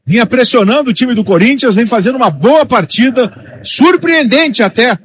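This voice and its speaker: High-pitched man analysing football. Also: animated, moderate pace. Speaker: football radio pundit. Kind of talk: live match analysis.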